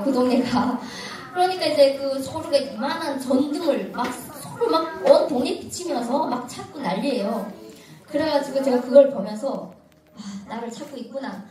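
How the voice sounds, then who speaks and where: A woman from Korea, giving a personal testimony to an audience in lively storytelling that breaks into laughter at tense moments. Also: sits high, slight background noise. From North Korea. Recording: echoey hall, mic at a distance, audience.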